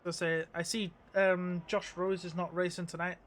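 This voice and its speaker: High-voiced chatty race commentator man. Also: level tone, moderate pace, fairly bright tone, slight background noise. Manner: chatty, restarts and apologises. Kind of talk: live sim racing commentary.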